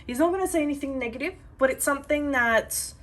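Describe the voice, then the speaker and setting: A woman's voice: high-pitched, fast talker, heavy background noise. A woman giving a psychic reading, talking straight to her client in an earnest, reassuring way and repeating that she does see things. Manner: chatty, with many fillers and restarts. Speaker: psychic reader. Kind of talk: reading coffee grounds to a client.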